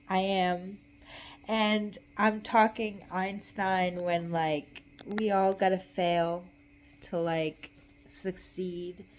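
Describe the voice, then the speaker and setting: Slow, tipsy young woman rambling. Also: fairly low pitch, a little mellow, a little hiss or hum. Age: young adult. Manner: tipsy, loose, meandering drunk talk; trailing off mid-thought, giggly. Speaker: vlogger. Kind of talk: casual rambling chat.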